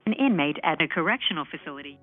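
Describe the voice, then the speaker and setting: A prerecorded automated voice announcing a prepaid collect call over a payphone line, in a flat, clipped delivery. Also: mid-range voice, fast. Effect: automated message over a prison payphone line. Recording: tinny payphone line with faint music.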